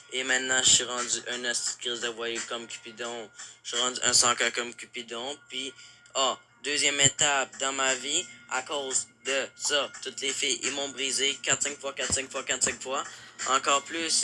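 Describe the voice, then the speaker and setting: Flat-voiced Québécois man rapping. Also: mid-range voice. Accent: Québécois French. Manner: flat, angry, profane delivery. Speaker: rapper. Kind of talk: rapping over a beat. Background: loud music beat.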